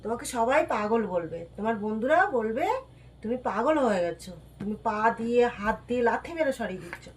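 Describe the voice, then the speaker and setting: A woman talking to her pet cat in soft, coaxing, pleading baby talk. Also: a little high, lively intonation, moderate pace. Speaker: pet owner.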